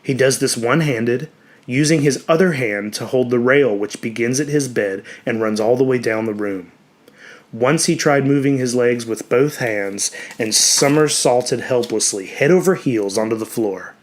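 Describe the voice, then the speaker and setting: For dramatic audiobook narration, this male storyteller uses a mid-pitched voice. He speaks in a measured, expressive way, letting phrase endings drop to a hush.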